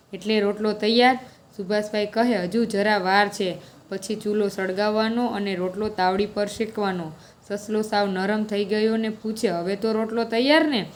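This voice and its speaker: A woman's voice: medium pitch, a little hiss or hum. A woman, reading a children's story aloud and patiently working through the lesson questions step by step. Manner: patient, explains each answer step by step. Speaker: teacher.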